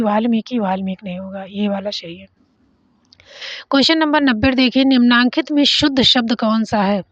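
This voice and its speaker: A young woman teacher giving an exam revision lesson, reading out answer options and briskly correcting each word, and speeding up when she announces each question number. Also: fairly high pitch, dry recording. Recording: dry, dull lo-fi sound.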